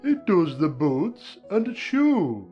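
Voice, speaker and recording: A man's voice: sits high, big pitch swings, extremely slow, dull audio, faint music behind, exaggerated voice. A man voicing a solemn, impatient male Gryphon who bosses others around, in a dramatized audiobook. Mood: explaining. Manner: blunt, impatient, bossy.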